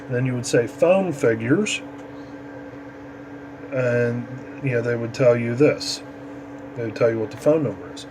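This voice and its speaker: A man leads a casual amateur radio lesson, his medium-pitched voice pausing and restarting as he goes step by step. The audio is noisy, with a steady hum plainly audible in the background.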